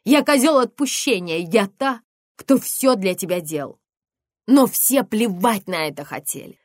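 A woman voicing a distraught single mother who shouts and sobs, gasping for air, in an audiobook. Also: mid-range voice, lively intonation, measured pace, dry recording, studio quality. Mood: screaming.

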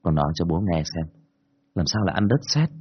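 A man voicing a stern, worried father speaking quietly. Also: low-pitched, animated, fairly quick, slightly rough, no echo. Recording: dull lo-fi recording.

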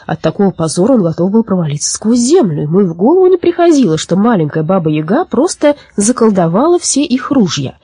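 Female audiobook narrator, children's story, expressive, breathy, dry close mic. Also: mid-range voice, fast talker, few pauses, no room sound.

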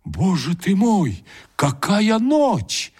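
Stubborn old village grandfather, voiced by a male reader, husky, muttering, swinging between low grumbles and high outbursts. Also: wildly swooping pitch, extremely slow, a little mellow, exaggerated voice. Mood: frightened. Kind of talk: audiobook character voice.

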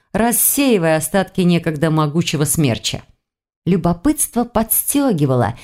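A woman reading a first-person fantasy audiobook in a lively, expressive storytelling manner. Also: lowish voice. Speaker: audiobook reader. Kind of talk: scripted first-person narration.

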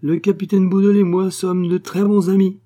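A man's voice: high-pitched, flat delivery, moderate pace, warm tone, pitched above the performer's own voice. A man voicing a scheming foreign woman spy, brazen and wheedling. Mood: coaxing.

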